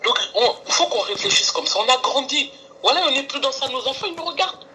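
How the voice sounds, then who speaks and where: A woman calling in to a live stream, talking earnestly and pleading for calm. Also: high voice, fast talker, slight background noise, rough recording. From France. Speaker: caller. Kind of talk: phone call on a live stream.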